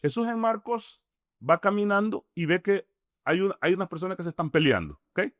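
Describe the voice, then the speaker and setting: A Salvadoran-accented man with a fairly high voice talks through his points in a relaxed, conversational way. He builds each argument step by step, poses rhetorical questions and keeps checking in with a quick "mm?". The sound is close and dry, with no room echo. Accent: Salvadoran Spanish. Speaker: imam, interview guest. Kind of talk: conversational explanation.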